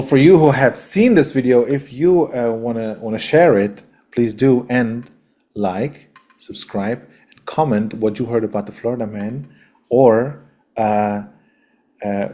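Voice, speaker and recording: Mellow-voiced man hosting an interview. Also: medium pitch. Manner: friendly, halting, repeats words. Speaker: interview host. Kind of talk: casual interview chat.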